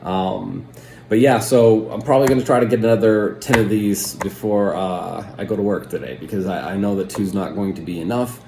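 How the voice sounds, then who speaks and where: Low, mellow American man, rambling review. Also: moderate pace, creaky. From United States. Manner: rambling, hesitant, circling back to qualify points. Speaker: pipe tobacco reviewer. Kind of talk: casual product review. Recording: roomy echo, faint background noise.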